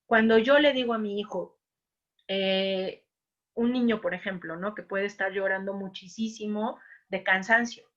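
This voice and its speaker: A woman's voice: medium pitch, fairly even intonation, fairly bright tone. A woman giving an informal talk to parents, conversational, often adding "no?" to her sentences. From Mexico. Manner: conversational, frequent "¿no?" and "o sea"; slips into quick acted quotes of parents. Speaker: parenting workshop speaker. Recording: dull lo-fi sound.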